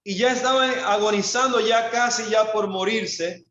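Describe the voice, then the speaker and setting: High-voiced Panamanian pastor preaching. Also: male voice, moderate pace, slight background noise. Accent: Panamanian Spanish. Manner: preaching with rhetorical questions, dropping low and soft for quoted lines. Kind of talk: sermon. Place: church hall. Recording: echoey church, dull lo-fi sound.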